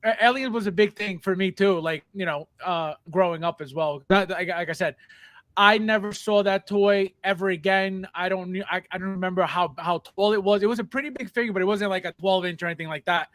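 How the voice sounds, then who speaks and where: High-voiced Spanish-native man, dry sound. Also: fairly bright tone, no echo. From Colombia. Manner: halting, full of restarts. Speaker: podcast host. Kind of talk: casual podcast chat.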